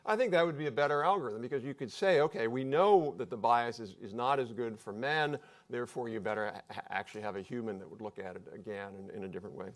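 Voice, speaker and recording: A man's voice: medium pitch, fast, few pauses. Man explaining casually on a panel. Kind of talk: live panel discussion.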